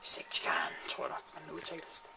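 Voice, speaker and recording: Excitable gamer guy, lively and bright. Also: on the low side, a little hiss or hum. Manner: excitable, swearing and trash-talking opponents. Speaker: gamer playing a shooter. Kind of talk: live gameplay commentary.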